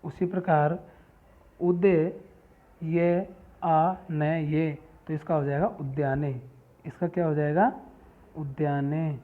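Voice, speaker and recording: A man's voice: a little high, fairly even intonation. A man teaching a school Sanskrit lesson in Hindi, reading each word and its meaning and repeating it back as a question. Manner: reads terms slowly one by one. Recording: tinny phone-like sound.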